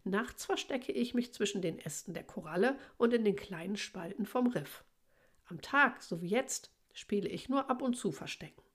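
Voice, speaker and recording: A woman reading aloud, voicing a cheeky little girl fish in a higher, eager voice. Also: lively intonation, moderate pace, a bit bright.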